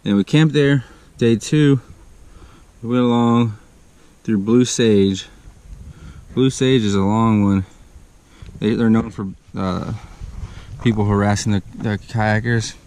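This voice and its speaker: A man's voice: on the low side, steady tone, slow pace, long pauses, darkish tone, smooth. A young man, casually recapping a kayak fishing trip outdoors on an action camera. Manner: laid-back, rambling recap. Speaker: fishing vlogger. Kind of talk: casual outdoor vlog narration. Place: outdoors on a riverbank.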